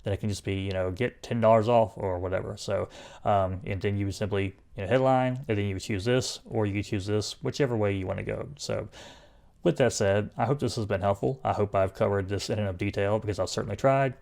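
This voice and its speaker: Gravelly-voiced man walking through a tutorial. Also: on the low side, a little fast, darkish tone. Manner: loose, rambling, many fillers. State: losing his voice. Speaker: online marketing tutorial host. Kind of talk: casual screen-recorded tutorial.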